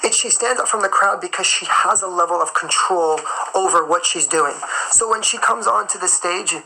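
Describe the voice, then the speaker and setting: A man's voice: high-pitched, moderate pace, vocal fry, sharp tone, slight background noise, rough recording. A man who is a singer and performer, hosting a live stream and giving a motivational talk while chewing gum. He stresses his points and repeats key phrases. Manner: chews gum while talking.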